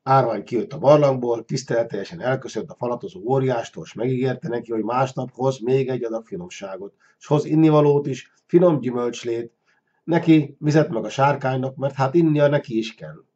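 A man narrating a children's storybook in a lively, expressive way. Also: mid-range voice, lo-fi sound.

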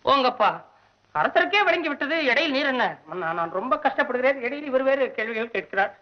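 A poor, hot-tempered temple poet with a high, whining voice who keeps grumbling and needling everyone around him. The old film soundtrack sounds dull and muffled, as in a 1960s movie. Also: male voice, expressive. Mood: bickering. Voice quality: whiny, high and quick-tempered. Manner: complaining, sarcastic, talks to himself. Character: poor, fretful male temple poet, comic and whiny. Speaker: comic lead in a devotional film. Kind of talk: 1960s Tamil film acting.

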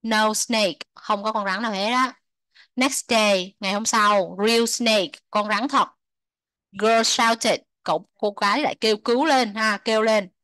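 A woman teaching English to children, repeating words slowly, translating them and chatting with soft sentence endings. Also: mid-range voice, no echo. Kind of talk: explaining a textbook lesson to children.

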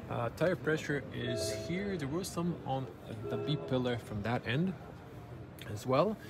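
Gravelly man narrating a car walkaround. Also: medium pitch. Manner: running commentary, pointing out details as he goes. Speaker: car reviewer. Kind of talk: casual walkaround car review. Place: indoor auto show hall. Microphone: handheld camera mic. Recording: noisy auto show hall. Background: show hall ambience.

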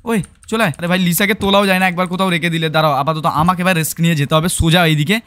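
A man with a Bengali accent giving excitable let's-play commentary as a gaming YouTuber, mixing in English phrases and shouting when startled. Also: a little high, racing, no room sound.

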